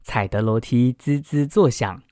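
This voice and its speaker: A man hosting a children's literature show and reading a picture book aloud in a lively, expressive way. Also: mid-range voice, measured pace. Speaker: podcast host and storyteller. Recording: music bed under voice. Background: background music.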